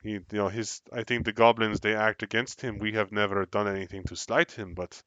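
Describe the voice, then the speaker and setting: A man voicing a cautious female kobold leader who speaks in a halting, formal way. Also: on the low side, flat delivery, a bit bright, dry recording, highs cut off, natural voice. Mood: wary.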